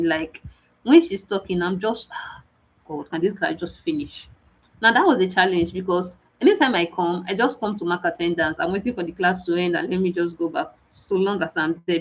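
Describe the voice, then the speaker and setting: A woman giving an onboarding briefing to students, firm and stern, repeating her warnings one after another. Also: lowish voice. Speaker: program organizer. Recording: dull lo-fi audio.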